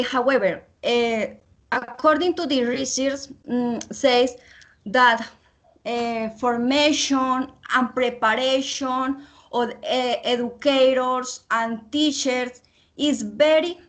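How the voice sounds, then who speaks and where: A woman student gives a practice speech in English on a video call. She speaks very slowly and hesitantly with a fairly high voice, stopping often on fillers. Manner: hesitant, many fillers and repeated words.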